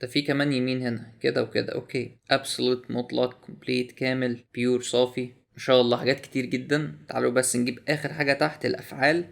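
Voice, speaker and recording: Fast-talking Egyptian man, gravelly. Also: mid-range voice. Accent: Egyptian Arabic. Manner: animated, exclaims in surprise often. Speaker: YouTuber reviewing a language app. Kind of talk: casual screen walkthrough.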